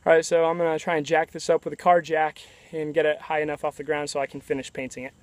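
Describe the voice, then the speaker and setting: Young male DIY vlogger, pitch a touch high, easygoing and rambling with restarts, recorded outdoors with faint insect noise. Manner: relaxed and chatty, with halting restarts. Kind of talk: casual self-filmed video diary. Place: outdoors at a rural building site.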